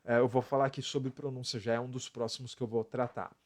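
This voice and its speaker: A man's voice: mid-range voice, level tone, quick pace. A Brazilian man teaching English on a live stream, explaining step by step, counting out letters and often adding a tag question. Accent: Brazilian Portuguese.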